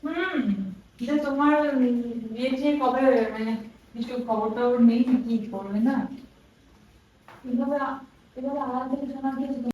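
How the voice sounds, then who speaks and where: A woman's voice: sits high, normal speed, pauses often, darkish tone. A young woman vlogging and chatting on a staged phone call, teasing and getting sharper when challenged. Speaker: vlogger pranking her husband. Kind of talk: casual vlog chat and staged phone call. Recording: echoey room, from far off, faint hiss.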